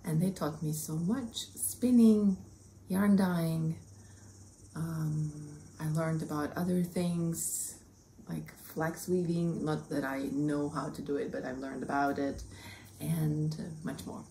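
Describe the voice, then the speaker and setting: Talking casually to camera from a small room in her home, this crafting podcast host, a woman in her thirties with a Russian accent, is friendly and chatty and gestures with both hands. Her low, gravelly, mellow voice holds a steady tone at a slow pace, picked up by the camera mic in a low-quality recording with slight background noise.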